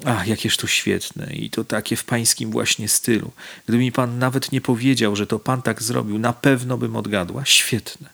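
A man voicing an effusive young society woman who showers her companion with flattery, in a spoken audiobook. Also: lowish voice, moderate pace, creaky. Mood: gushing.

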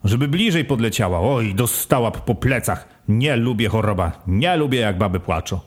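A man's voice: lowish voice, animated, normal speed. A man reading an audiobook as a first-person storyteller, in an earthy, rustic folk style. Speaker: audiobook reader.

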